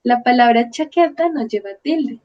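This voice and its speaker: A woman teaching a Spanish lesson, speaking slowly and patiently and pronouncing each word clearly. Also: on the high side, muffled recording. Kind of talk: online language lesson.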